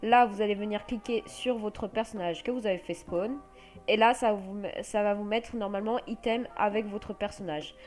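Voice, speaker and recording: A woman with a French accent hosting a casual software tutorial, explaining step by step with many hesitant fillers. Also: mid-range voice, steady tone, moderate pace, faint music behind. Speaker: tutorial host.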